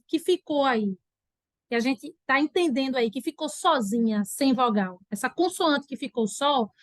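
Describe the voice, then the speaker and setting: Animated high-voiced woman teacher. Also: no room sound, studio quality. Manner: animated, voices imagined student questions. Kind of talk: online grammar lesson.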